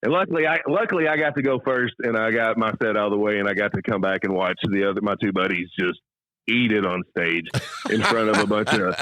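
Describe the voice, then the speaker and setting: A man's voice: lowish voice, fast talker, no room sound, rough recording. A middle-aged American man, a stand-up comedian telling anecdotes casually as an interview guest and acting out quoted lines. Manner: animated storyteller, acts out quoted lines.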